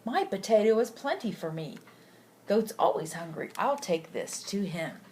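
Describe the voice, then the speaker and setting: A woman's voice: medium pitch, animated, normal speed, darkish tone, natural voice. Kindly storybook donkey read by an older woman. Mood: pleased, generous. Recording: clearly noisy home recording.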